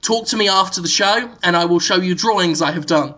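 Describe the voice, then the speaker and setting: A man co-hosts a comedy podcast, delivering an absurd proposal with a totally straight, deadpan seriousness. His voice is bright and forceful, and he leans on frequent ums and uhs as he builds the bit. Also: fairly quick. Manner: deadpan mock-serious pitch of an absurd plan. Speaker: podcast co-host.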